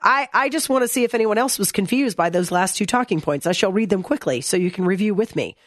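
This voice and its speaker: Woman host, opinion talk: blunt, sarcastic, exasperated; reads and mocks text, swoops pitch a lot. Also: animated, quick pace, no room sound, studio quality. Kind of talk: opinion commentary.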